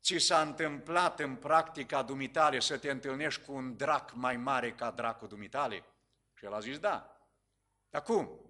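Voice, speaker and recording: A man preaching as a pastor, telling a story dramatically with pauses and repetitions. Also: mid-range voice, pushed and bright. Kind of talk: sermon storytelling.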